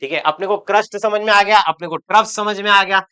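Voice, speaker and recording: A man's voice: sits high, fairly quick, sharp tone, clean tone. A man teaching chemistry in an online lecture, chatty and joking with students, repeating words for emphasis. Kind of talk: online exam-prep lecture.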